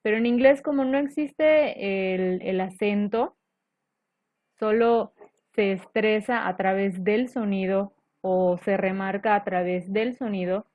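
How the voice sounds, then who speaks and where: Slow-paced teacher woman, patient and methodical. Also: medium pitch, a little mellow, no echo. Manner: patient, step-by-step, frequent "ok?" checks. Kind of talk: explaining grammar to students. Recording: dull lo-fi dry recording.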